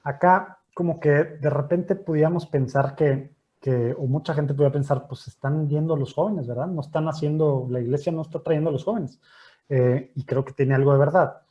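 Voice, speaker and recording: A man, hosting a panel over a video call in a joking, lively way and often repeating his words. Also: on the high side, normal speed, highs cut off. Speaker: host and moderator of a panel.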